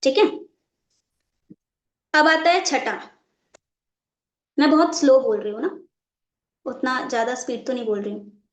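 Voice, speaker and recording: A woman's voice: high-pitched, lively intonation, measured pace, pauses often, roomy sound. A woman running a live online training session, stopping again and again to check that her class is following and repeating her points. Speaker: network marketing trainer.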